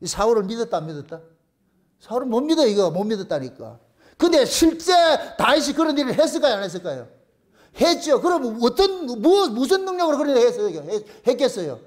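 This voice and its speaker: Pastor preaching, chatty and dramatic, high lively voice. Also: male voice, quick pace. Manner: colloquial, animated, acts out characters. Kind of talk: sermon storytelling.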